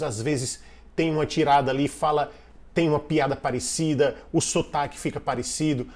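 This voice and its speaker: A man's voice: fairly high pitch, darkish tone. A man coaching the viewer on team communication in a casual online lesson, talking conversationally, repeating and restarting phrases, and asking the listener questions.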